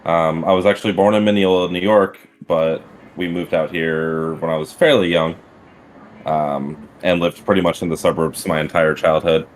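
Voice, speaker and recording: A man's voice: low voice, little pitch movement, moderate pace, a little hiss or hum. A man from Arizona talking casually as a guest, laid-back and reflective. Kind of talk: casual chat.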